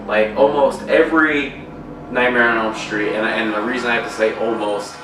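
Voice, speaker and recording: A young man co-hosting a podcast chats casually about horror films in a medium-pitched, steady voice at a moderate pace. He rambles, swears a lot and uses many fillers, sounding far from the mic in an echoey room with faint music playing.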